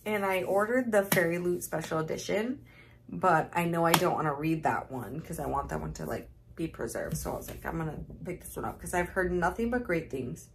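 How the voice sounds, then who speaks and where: A woman's voice: fairly low pitch, brisk, gravelly, background noise. A woman co-hosting a podcast, chatting casually about her books, laid-back, swearing and laughing easily. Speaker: podcast co-host.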